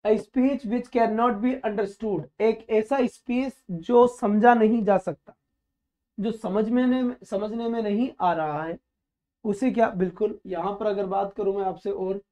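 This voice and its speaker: A man with a high, dark-toned voice runs a live online vocabulary class. He drills his students by posing a question and answering it himself, calling them "beta" in a warm, instructive way.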